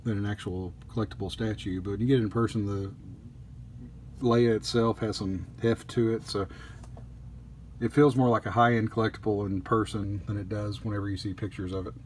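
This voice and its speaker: A man casually reviewing a collectible statue at a table indoors, easygoing, with frequent pauses. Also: fairly low pitch, steady tone, slight background noise.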